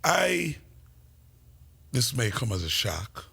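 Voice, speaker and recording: A man's voice: medium pitch, sing-song, slow pace, vocal fry, pushed and bright, slightly rough. A middle-aged man hosting a casual radio chat, laid-back and joking. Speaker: radio host.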